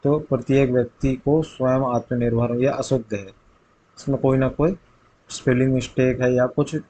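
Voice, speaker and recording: An exam tutor from north India, speaking with a Hindi accent, works through multiple-choice grammar questions by reading the options and then saying which one is correct. His voice is warm, mid-range, and steady at a moderate pace. The audio is poor, with slight background noise.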